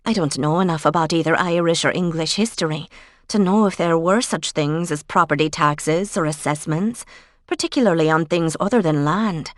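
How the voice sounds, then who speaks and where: A woman narrator voicing a brisk, practical woman researcher in a cozy mystery audiobook, businesslike and chatty. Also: low voice, no room sound, studio quality, close to an everyday voice. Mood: brisk, explaining.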